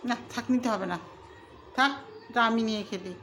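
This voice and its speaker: A woman's voice: fairly high pitch, normal speed, fairly bright tone, soft background music. A woman coaxing and playfully teasing her pet, repeating herself over and over.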